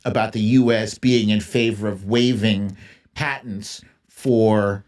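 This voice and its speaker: On his livestream, a man with a low, slightly mellow voice riffs on politics in an informal, opinionated manner. He is emphatic and repeats phrases for emphasis.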